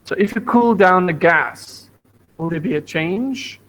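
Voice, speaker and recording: Over an online video call, a man with a high, fairly bright voice teaches a science lesson to a primary school class, taking his time. He is patient, going over points again and putting questions to the children. The audio is poor, picked up by a computer mic on the call.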